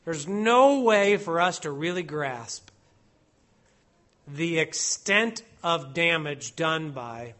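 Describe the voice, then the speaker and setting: A man preaching an expository sermon, slow and deliberate, stressing each word as he reads out Hebrew and Latin phrases. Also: on the high side, expressive, pushed and bright.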